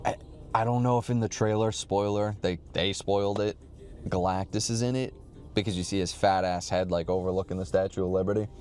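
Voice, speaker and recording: A man's voice: low voice, steady tone, brisk, a little mellow, faint music behind. A man chatting casually in a rambling, slangy, profane way with a laid-back stoner drawl. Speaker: vlogger.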